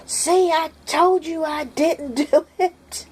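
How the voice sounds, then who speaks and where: A woman's voice: high-pitched, steady tone, slow pace, pitched above the performer's own voice. A woman voicing an indignant young boy who insists he did nothing.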